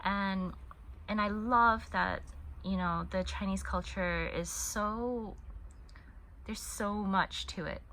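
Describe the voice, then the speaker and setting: Speaking slowly at a medium pitch, this crochet channel host sounds pushed and bright over slight background noise. She's in her thirties, grew up in the United States, and spoke Korean first. At home in Hong Kong, she crochets and chats casually, wandering off topic and frequently starting sentences over.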